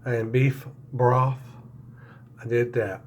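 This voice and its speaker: A man talking casually in an unscripted video diary, halting and searching for words, his speech affected by new dentures and a swollen mouth. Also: mid-range voice, steady tone, slight background noise. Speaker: vlogger sharing dental recovery diary.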